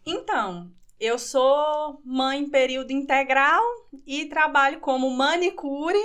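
A woman in her thirties with a Goiás Brazilian accent, a guest speaking in relaxed, matter-of-fact chat with light laughs. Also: sits high, a little slow. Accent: Goiás Brazilian Portuguese. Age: 30s. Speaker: guest, manicurist. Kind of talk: casual interview chat.

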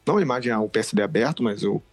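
A Brazilian man telling a story in a casual podcast conversation, animated and full of fillers and restarts. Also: lowish voice, racing, slightly rough, dry recording, faint music behind. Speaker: freelance illustrator.

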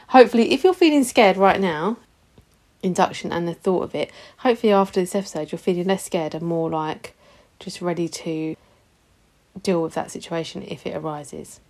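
A woman's voice: lowish voice, normal speed, darkish tone. A British woman in her thirties hosting a solo podcast in a casual, confessional and self-mocking way, informal and happy to swear. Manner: chatty, confessional and self-mocking, with frequent giggling. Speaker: podcast host.

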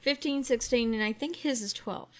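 Eager higher-voiced woman player. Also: normal speed. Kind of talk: casual tabletop play.

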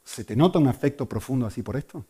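A man preaching a sermon to a congregation, swinging between loud emphasis and hushed asides. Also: mid-range voice, expressive, fast talker, slightly rough.

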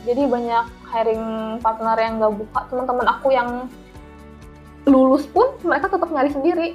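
A woman's voice: high-pitched, steady tone, normal speed, a little mellow, soft background music. A young woman, casually telling her story in slangy talk and laughing often as an interview guest.

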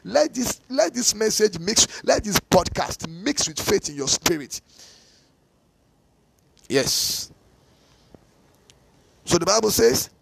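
A man's voice: on the high side, creaky, breathy edge, no room sound. A man preaching a podcast sermon, emphatic and repetitive, answering himself with "yes" and "aha", and sometimes breaking into tongues. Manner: speaks in tongues at times.

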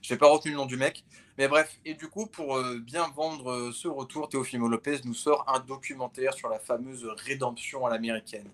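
A man's voice: mid-range voice, steady tone, normal speed, fairly bright tone. A man co-hosting a podcast, leading the conversation in a casual, filler-heavy way. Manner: conversational, leads topics with fillers. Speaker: podcast co-host. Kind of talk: casual chat about boxing.

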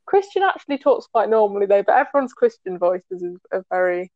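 A woman's voice: mid-range voice, sing-song, a little fast, no room sound, lo-fi sound. A woman guest on a casual podcast, self-deprecating and giggly. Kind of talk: casual chat.

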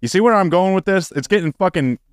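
A man's voice: animated, fast, clean tone, no echo, clean studio sound. A man co-hosting a casual podcast, swearing freely and breaking into exasperated rants. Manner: profane, ranting, gets loud and high when exasperated. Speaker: podcast co-host.

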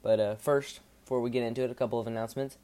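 A man speaking in a monotone, giving a casual devotional podcast talk in an informal, rambling way with halting self-corrections. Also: mid-range voice, clean tone.

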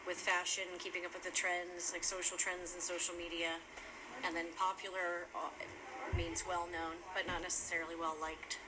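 A woman teacher answers interview questions in a measured, thoughtful way, her pitch sitting a little low. She comes through a low-quality phone recording. Heavy noise hangs over her voice the whole time. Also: level tone.

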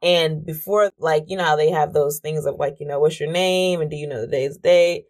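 Chatty woman with a lowish voice. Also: steady tone, moderate pace, a little mellow. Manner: chatty, many fillers like "like" and "or whatever". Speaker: podcast host. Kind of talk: casual storytelling.

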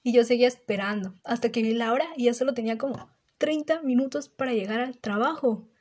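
Warm-voiced woman telling an anecdote. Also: a little high, fast talker. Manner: animated, acts out her own reactions in quotes. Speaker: podcast host. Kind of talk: casual anecdote storytelling.

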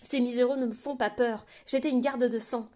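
A woman voicing a fierce young woman soldier who speaks loudly and breathlessly in an audiobook. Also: on the high side, steady tone, fairly quick, close to an everyday voice. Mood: urgent. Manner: loud, pleading, breathless.

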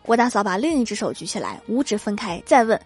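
A young woman host reading funny anecdotes as comic narration, with lively storytelling that acts out the quoted lines. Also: medium pitch, fast, breathy edge. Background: background music.

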